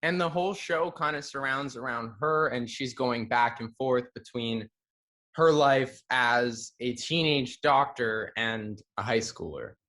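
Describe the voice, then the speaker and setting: A young man from Hawaii talking as an actor guest, relaxed and chatty with casual slang. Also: mid-range voice, unhurried. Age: young adult. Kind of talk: casual interview answers.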